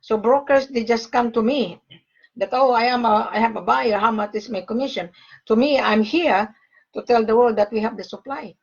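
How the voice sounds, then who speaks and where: An older Filipino woman who facilitates gold sales talks casually on a call, emphatic and repeating key phrases. Her voice is a little high and slightly rough with vocal fry, at normal speed, and the recording has its highs cut off.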